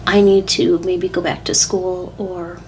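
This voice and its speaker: Female vlogger, vulnerable and upset, close to tears, candid halting speech, some ambient noise behind. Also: fairly low pitch, level tone, a little mellow, poor audio. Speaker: weight-loss vlogger. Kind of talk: confessional personal vlog.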